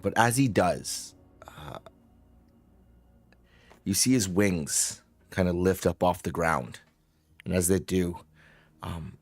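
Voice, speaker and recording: A man with a low voice serves as game master for a tabletop game, improvising narration and describing scenes haltingly.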